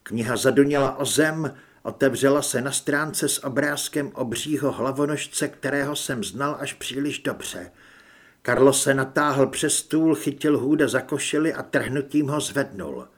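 A man narrating an audiobook in a measured, even storytelling manner. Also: medium pitch, husky. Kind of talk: scripted narration.

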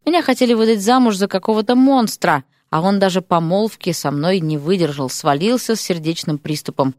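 A woman's voice: medium pitch, brisk, a little mellow, dry recording, studio quality, natural voice. Woman narrator playing a stern noble lady in a storybook, plain-spoken and blunt. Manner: blunt, forthright.

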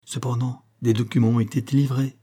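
A man's voice: mid-range voice, little pitch movement, a little fast, warm tone, breathy edge, close to an everyday voice. A man voicing a grave, fatherly minister. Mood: indignant. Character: dignified, fatherly male government minister.

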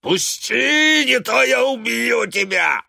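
A man reading the part of a drunk, raging older father who bellows curses and pities himself in a drawn-out howl. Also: very high voice, animated, vocal fry, sharp tone, no echo, clean studio sound, voice pushed up, full character voice.

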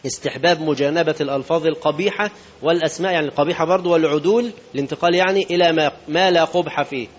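Man, Egyptian accent, sermon, rapid delivery, slightly high voice, muffled lo-fi recording. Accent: Egyptian Arabic. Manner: conversational preaching, rhetorical questions. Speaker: sheikh.

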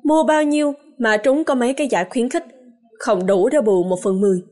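A woman's voice: on the high side, fairly quick, darkish tone, natural voice. A woman voicing a hot-tempered young husband. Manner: blunt, rough-spoken.

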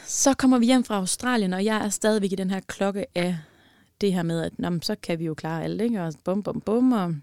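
A young woman telling a personal story as a podcast guest, animated and emotional, with many fillers. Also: mid-range voice, dry recording, studio quality.

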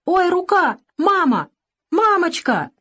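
Brief: woman reading as a tearful hurt small boy, high and sobbing, storybook. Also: expressive, takes it slowly, exaggerated voice. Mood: wailing. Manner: sobbing, wailing. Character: crying hurt little boy, two and a half.

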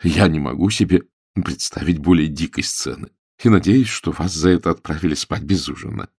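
A man's voice: rumbling low, fairly quick, a little mellow, slightly rough, no room sound, clean studio sound, exaggerated voice. A man voicing a sulky, stubborn young man in an audiobook, with a reluctant, mumbling way of talking. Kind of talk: audiobook character voice.

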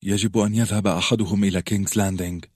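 Brief: male reader as a decisive noble mother, lower voice, dry read. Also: steady tone, very fast, a little mellow, husky, no echo. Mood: firm. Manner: firm, decisive. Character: resolute noblewoman mother, firm.

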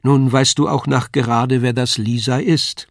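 A man voicing a kindly older man telling of his youth, warm and fatherly, in a storybook reading. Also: medium pitch, fairly even intonation, unhurried, gravelly, no room sound, clean studio sound. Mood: fond.

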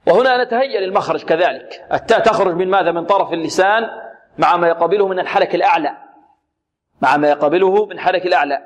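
A male Quran recitation teacher gives a radio lesson in a slightly high voice. He poses questions and answers them himself. He repeats and stretches words slowly to demonstrate how each letter should sound. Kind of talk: tajweed lesson on an Islamic radio program.

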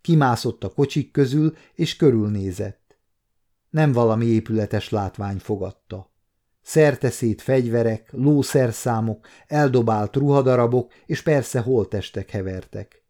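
Mellow-voiced man in his fifties narrating. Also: medium pitch. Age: 50s. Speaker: audiobook reader. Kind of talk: scripted audiobook narration.

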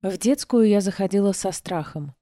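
A woman reading a first-person novel aloud as an audiobook, quiet and restrained, acting out the dialogue. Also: mid-range voice, normal speed, no room sound, studio quality. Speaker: audiobook narrator.

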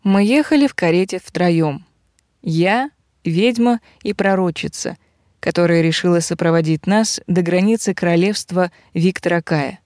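A woman's voice: fairly low pitch, dry recording. Woman narrating an audiobook, dry close sound. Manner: even, measured storytelling.

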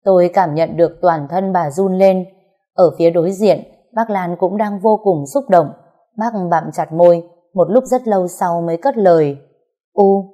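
Woman narrator, low, mellow, steady story read. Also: moderate pace. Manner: steady first-person storytelling. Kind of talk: scripted ghost-story narration.

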